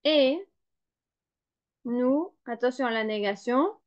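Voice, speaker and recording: A woman teaching French, reading a dictation slowly and explaining each word with care. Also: fairly high pitch. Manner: slow, careful, spells and explains each word. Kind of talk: slow dictation lesson. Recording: dull lo-fi sound.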